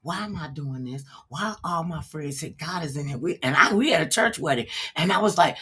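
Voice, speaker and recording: A middle-aged woman hosts a casual talk show with a bright, forceful voice. Her tone has a husky edge. She tells animated stories, acts out the people she quotes, and raises her voice for emphasis. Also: low voice, fairly quick. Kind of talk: casual storytelling chat.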